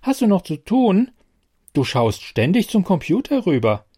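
A man's voice: sits high, sing-song, a little slow, warm tone, slightly rough, pitched above the performer's own voice, heavily acted. A man voicing a chatty, easygoing male friend in a read-aloud short story, speaking in a raised voice. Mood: concerned.

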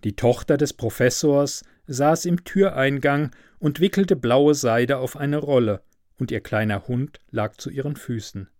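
A man reading a fairy tale aloud with slow, measured, expressive narration. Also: mid-range voice, no room sound, studio quality. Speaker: storyteller. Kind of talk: storybook reading.

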